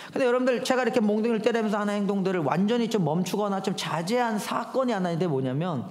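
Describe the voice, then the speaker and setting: A man's voice: sits high, racing, darkish tone, roomy sound. A man in his thirties preaching a sermon, telling stories animatedly and speaking directly to the congregation. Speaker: pastor. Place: church hall.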